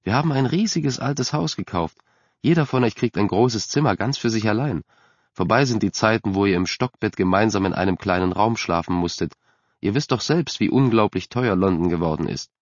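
A man's voice: on the low side, lively intonation, brisk, no echo. A man voicing an enthusiastic, house-proud middle-aged mother in an audiobook. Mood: coaxing. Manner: gushing, enthusiastic. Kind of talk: audiobook character voice. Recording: dry, slightly dull recording.

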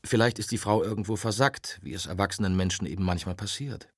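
Man reading gruff, curt police detective. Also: low-pitched, quick pace, no room sound, studio quality. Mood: brusque. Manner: curt, grumbling. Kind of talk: audiobook dialogue.

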